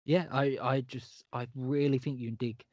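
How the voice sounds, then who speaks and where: A man's voice: mid-range voice, flat delivery, normal speed, a little mellow, dry recording, lo-fi sound. A man co-hosting a horror podcast in casual chat, enthusiastic and emphatic, often repeating himself. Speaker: podcast co-host.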